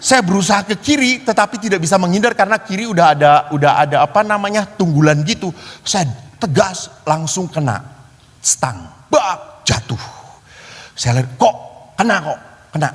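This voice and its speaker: Male priest, comic sermon storyteller, husky tone, long hall reverb. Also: high voice, moderate pace. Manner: animated, acts out quoted voices with shouts.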